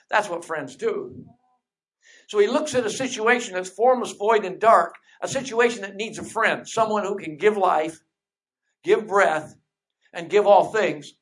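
A preacher in mid-sermon, building each point on a repeated refrain and answering their own rhetorical questions. Key phrases are slowed and drawn out for weight, and the delivery slips into relaxed conversational asides before returning to the refrain. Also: medium pitch.

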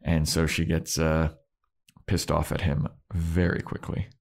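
A man's voice: very deep voice, completely flat delivery, vocal fry. A man casually recapping a TV episode with a co-host, swearing and acting out the characters' lines. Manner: laid-back, swears, acts out characters' lines in quick voices. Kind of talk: casual chat.

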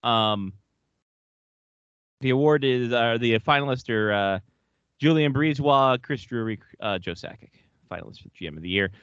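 A man's voice: medium pitch, moderate pace, long pauses, a bit bright, clear, resonant tone, no room sound. A man hosting a podcast, chatting casually about sports, profane and rambling, with frequent laughs. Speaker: podcast host. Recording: dry, dull lo-fi sound.

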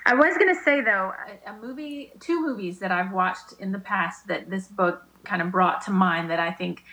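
Female podcast guest, mid-range voice, thoughtful and a bit halting, heard over a video call. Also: mid-range voice, bright, forceful tone, low-quality recording. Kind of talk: casual chat.

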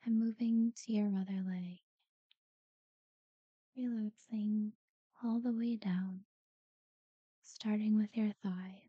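Very slow, soft spa-whisper woman. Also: medium pitch, fairly even intonation, no echo, dull audio. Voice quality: soft, breathy, near-whispered. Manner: soothing, unhurried, with long pauses between short phrases. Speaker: guided relaxation narrator. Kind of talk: guided sleep meditation talkdown.

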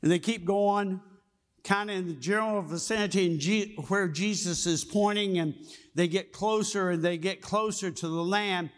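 A man's voice: sits high, normal speed. A man preaching a sermon, telling the story in a folksy way and often asking his listeners questions. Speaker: pastor.

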